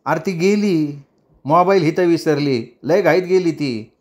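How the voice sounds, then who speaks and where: A man's voice: on the high side, unhurried, voice pushed up, natural voice. A man doing a flustered woman on the phone. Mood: placating.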